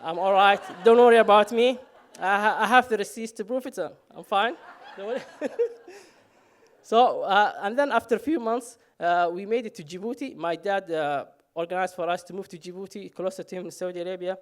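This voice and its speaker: A man's voice: high-pitched, fairly quick. A man from Somalia, telling a personal story on stage with self-mocking humor and frequent "uh" fillers.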